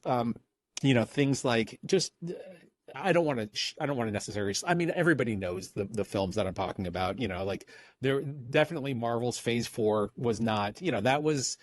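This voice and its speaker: Male podcast guest, mid-pitched, rambling and filler-heavy, dry close sound. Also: no room sound. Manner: rambling, many fillers and restarts. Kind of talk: casual interview chat.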